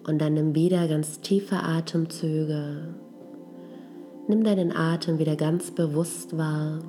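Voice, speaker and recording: A woman leading a guided healing meditation in a soft, gentle, breathy voice that trails toward a whisper. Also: deep voice, fairly even intonation, takes it slowly. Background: music.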